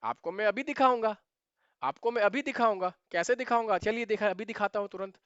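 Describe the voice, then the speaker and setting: A male exam mentor with a high, bright, crisp voice. He talks emphatically and hammers his points home by repeating them. The sound is dry and a little dull. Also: lively intonation, brisk, no room sound. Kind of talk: direct-to-camera advice video.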